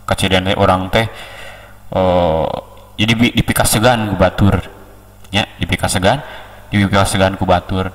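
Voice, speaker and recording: A man with a Sundanese accent giving a slow, unhurried, casual tutorial on how to deliver a sermon. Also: low-pitched, a bit bright, in a large hall, recorded from a distance. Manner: slow, unhurried, with many pauses. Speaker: speech coach.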